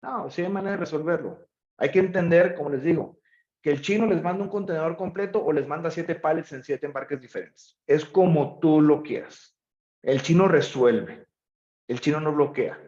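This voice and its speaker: A man who is a logistics expert presents and answers questions conversationally, tossing in rhetorical questions. His voice is fairly high and a little mellow, at normal speed. The room echoes and the audio is slightly muffled.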